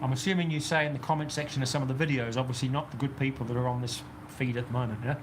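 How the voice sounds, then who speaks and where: A man's voice: mid-range voice, steady tone, very fast, noisy background. A man with a New Zealand accent chatting casually on a livestream, rambling as he answers viewer comments from an outdoor shelter. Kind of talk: casual live chat reading comments. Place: outdoor weather shelter on a golf course.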